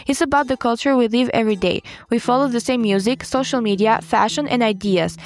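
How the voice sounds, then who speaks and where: A woman's voice: on the high side, brisk. Young woman reading a statement. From Albania. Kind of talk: scripted statement.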